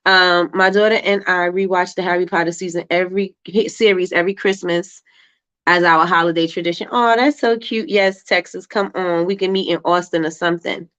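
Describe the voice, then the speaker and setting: A woman's voice: fairly low pitch, fairly even intonation, a little fast, fairly bright tone, smooth. Chatty woman with a Brooklyn accent. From Brooklyn, New York. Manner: informal, chatty, slangy. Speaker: livestream host. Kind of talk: casual livestream chat, reading and answering viewer comments. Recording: dull, lo-fi livestream audio.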